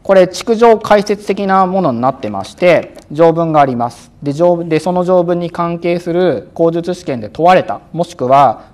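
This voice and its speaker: A male exam prep instructor giving a lecture, speaking crisply and a bit loudly on purpose, with frequent fillers, sometimes acting out examiners. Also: on the high side, animated, moderate pace, few pauses. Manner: acts out examiners and exam-day self-talk.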